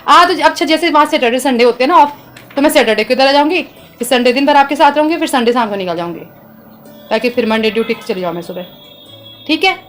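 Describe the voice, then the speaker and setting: A woman in her thirties with a high voice, coaxing and soothing her child in a casual home vlog. She talks softly and patiently, and faint music plays behind her. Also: fairly quick. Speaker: vlogger, mother. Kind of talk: casual family vlog talk.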